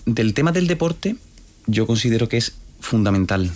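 A man's voice: mid-range voice, lively intonation, normal speed, a little mellow. A man speaking as an interview guest, telling anecdotes in a reflective manner. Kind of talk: interview conversation.

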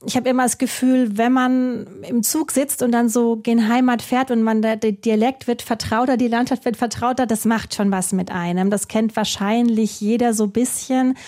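A woman from southwestern Germany talks about her novel in an interview, in a mellow, warm tone that sits a little high. She muses aloud, turning things over with questions to herself. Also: fairly even intonation, normal speed, hardly any pauses. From Baden-Württemberg. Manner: thoughtful, musing, with rhetorical questions. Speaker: author. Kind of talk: reflective interview answers.

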